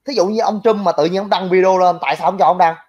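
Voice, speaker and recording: Quick and fairly even in intonation, this young man's high, slightly mellow voice carries a Southern Vietnamese accent. As a livestream commentator, he fires off a ranting reaction to viewer comments, crude, brash and mocking his critics. Sound quality is dull and lo-fi.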